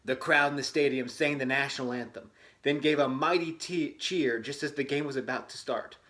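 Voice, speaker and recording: The children's-book host reads at a moderate pace in a medium-pitched, fairly bright voice. He delivers the story with drama and slips in wry, tongue-in-cheek comments along the way.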